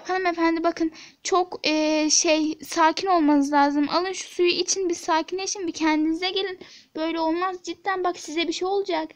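A woman voicing a patient hospital nurse who talks softly and hesitantly, pleading for calm. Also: extremely high pitch, moderate pace. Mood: coaxing. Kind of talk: Turkish toy-app drama voice acting.

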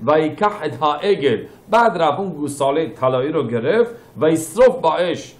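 A man giving a sermon as a rabbi, reading verses and explaining them phrase by phrase, moving between quiet explanation and loud emphatic bursts. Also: fairly high pitch, lively intonation, echoey room. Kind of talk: sermon teaching scripture.

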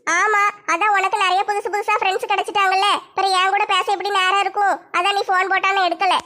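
A fretful young village woman, voiced by a woman. The voice is pitched way up, bright and thin, with almost no rise and fall. She talks in quick bursts, as in a comic skit. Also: little pitch movement. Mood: sulking. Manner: rapid, bright, squeaky high voice. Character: young village woman, upset, fretting over marriage.

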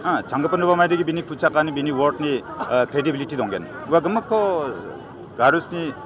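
In an emphatic, argumentative press interview that mixes in English, a middle-aged candidate with a Northeast Indian accent talks fast and animatedly in a fairly high voice. The scene is an evening gathering outdoors, recorded through handheld news microphones held close, with a busy crowd making noise behind him.

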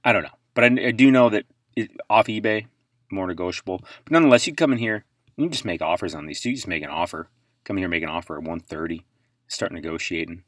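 A man with a somewhat low voice talks through price charts in an offhand, chatty way. He rambles and trails off, then bursts into loud exclamations. The sound is dry, with no room echo. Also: fast talker. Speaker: sports card investing channel host. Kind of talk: casual commentary while browsing price charts.

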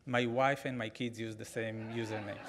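A man's voice: fairly low pitch, moderate pace, noisy background. Man giving a keynote at a podium. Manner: conversational, animated, frequent fillers, gestures while talking. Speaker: keynote speaker. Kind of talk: conference keynote. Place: large conference hall, at a podium. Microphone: podium microphone.

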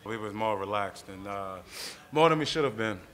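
A man's voice: lowish voice, animated, normal speed, a bit bright. A young man, a college basketball player at a postgame press conference, talking plainly and earnestly into a table mic. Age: young adult.

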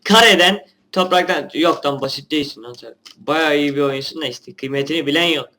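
A man's voice: a little high, fairly quick, pushed and bright. Young man grumbling through gameplay. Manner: chatty, grumbling at the game, swears offhandedly. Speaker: gaming channel host. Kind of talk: casual gameplay commentary.

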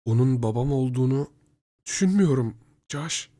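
A man voicing a frightened young woman who pleads with her brother, in a raised, high voice for a horror story reading. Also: lively intonation, normal speed, mellow, natural voice. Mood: uneasy. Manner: pleading, panicky.

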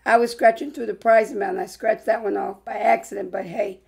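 A woman hosting a casual vlog about scratching lottery tickets, sounding hoarse and a little congested while chatting in an upbeat way with bursts of excitement. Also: mid-range voice, a little fast.

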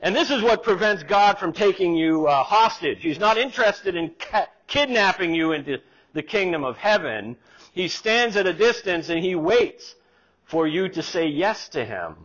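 A man's voice: high-pitched, animated, moderate pace, fairly bright tone. A middle-aged man preaching a sermon as pastor in a church sanctuary, reading scripture aloud with rising emphasis. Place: church sanctuary, in front of a wooden pulpit. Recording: slightly dull, lo-fi church recording.

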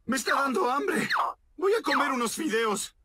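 A woman's voice: high voice, expressive, moderate pace, very noisy. A woman voicing a cheerful, playful young girl in a children's show dub, giggling and exclaiming as she talks to the things around her. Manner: giggly, exclaiming, talking to objects. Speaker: dub voice actress. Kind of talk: Latin American Spanish fan dub of a children's show. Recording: loud music behind the voice. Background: loud children's music.

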